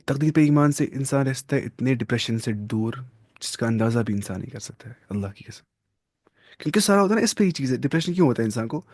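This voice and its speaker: A man giving a religious lesson. He reads passages of text slowly, then explains them in a relaxed, conversational way and often checks in with his listeners through tag questions. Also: mid-range voice, no echo, studio quality. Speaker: religious studies teacher.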